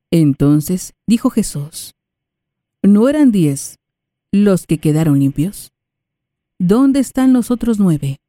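A woman reading scripture and a psalm aloud in a slow, solemn liturgical recitation. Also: lowish voice, dark tone, dry recording. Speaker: scripture reader.

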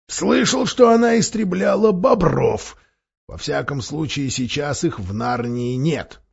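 A man's voice: vocal fry, husky, muffled recording, full character voice. A man voicing a sneering bitter dwarf. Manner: sneering, rising to shrill shouts. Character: bitter scheming male dwarf, sharp-tongued, defiant.

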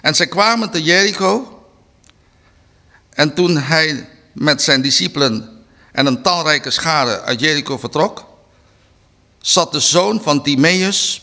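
A man giving a preaching Bible study talk, reading slowly and deliberately with emphatic restarts. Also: fairly high pitch, pushed and bright. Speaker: Bible teacher.

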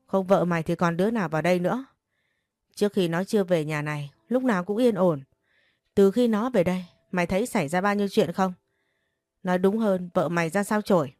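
A woman reading aloud, voicing a grieving, spiteful older woman who hurls accusations in a lower, harsher voice. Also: brisk, darkish tone, dry recording, clean studio sound, faint music behind, lightly acted. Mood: scornful. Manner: shrill hissing accusations. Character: furious grieving woman, spiteful elder sister-in-law.

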